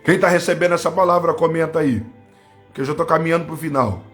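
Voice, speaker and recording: A Brazilian man preaches live to his online flock in a raised, high voice. He surges from loud cries down to low asides and slips into tongues. Faint music runs under his words. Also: fast. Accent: Brazilian Portuguese. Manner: fervent, swinging between loud bursts and low asides, speaking in tongues. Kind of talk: live-streamed Pentecostal sermon. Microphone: webcam or phone on a live stream.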